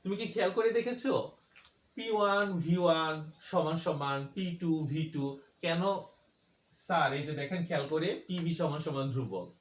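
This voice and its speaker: A male teacher lectures on physics with a fairly high voice. He keeps asking questions and answering them himself, repeating each point so it sticks. The sound is roomy, with a clear echo. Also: expressive, fairly quick, a little hiss or hum. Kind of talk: classroom lecture. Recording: echoey room.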